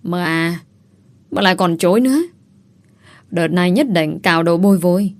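A woman voicing a young female servant who shrieks loud accusations in an audiobook. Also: on the low side, normal speed, no room sound, natural voice. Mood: scornful.

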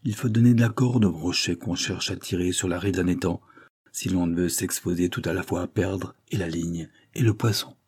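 A man voicing a sardonic, worldly young gentleman in a read-aloud novel, with a dry, ironic, measured delivery. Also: low-pitched, fairly even intonation. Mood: musing.

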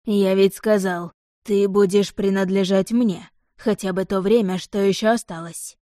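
Female reader voicing a proud, raging demon-dragon emperor from an audiobook; slow, hoarse, hissing, mellow dry tone. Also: medium pitch, fairly even intonation, no echo, lightly acted. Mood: possessive. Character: arrogant furious male demon-dragon emperor.

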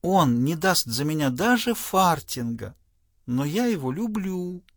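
Male reader doing a haughty young daughter: soft, cool, drawn-out, raised voice. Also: a little high, big pitch swings, no echo, clean studio sound, heavily acted. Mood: sulky.

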